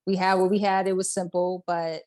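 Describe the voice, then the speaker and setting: A woman's voice: lowish voice, flat delivery, a little fast, a little mellow. A woman raised in Brooklyn, chatting earnestly as a guest artist and filling her talk with "like" and "you know". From born in Puerto Rico, raised in Brooklyn. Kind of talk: casual interview chat.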